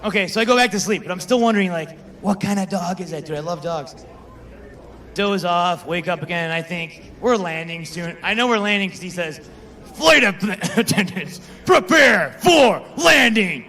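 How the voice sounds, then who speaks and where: A man's voice: sits high, a little fast, fairly bright tone. A young man performing a stand-up comedy set, telling stories in a conversational way and talking with the crowd. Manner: conversational storytelling with crowd work.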